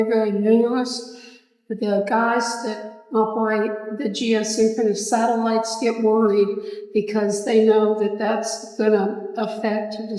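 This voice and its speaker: Woman guide, raised pitch, slow soft hoarse delivery, roomy off-mic sound. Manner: soft-spoken, unhurried. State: losing her voice. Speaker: museum guide. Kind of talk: explaining to visitors. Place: museum observatory room.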